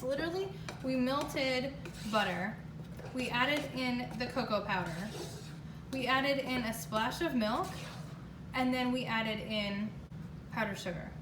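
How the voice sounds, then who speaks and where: High-voiced woman chatting through baking, roomy sound. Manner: emphatic, exclamatory. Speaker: home baking show host. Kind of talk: casual chatty cooking demonstration. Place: indoors, home kitchen. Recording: roomy, distant mic, clear background noise.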